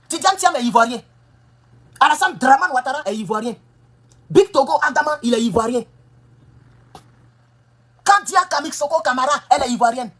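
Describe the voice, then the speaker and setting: A US political commentator delivers a fiery monologue, scolding emphatically and rattling off rhetorical questions. Her voice sits high and has a fairly bright tone.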